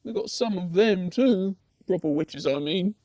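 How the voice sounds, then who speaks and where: With a lowish, dark and relaxed voice close to her everyday one, a woman plays a laid-back demon thoroughly at ease in hell. She speaks a little slowly, rambling wryly through casual, colloquial asides with a mild teasing edge, like a comic puppet show. The audio is recorded very dry.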